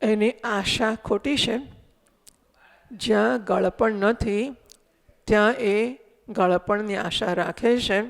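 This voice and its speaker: A woman teaches spiritual philosophy. She has a gravelly edge to her voice and asks her listeners questions as she explains. The sound carries a long echo from a large hall. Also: medium pitch, takes it slowly, pauses often. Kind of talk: Vedanta discourse. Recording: echoey hall recording.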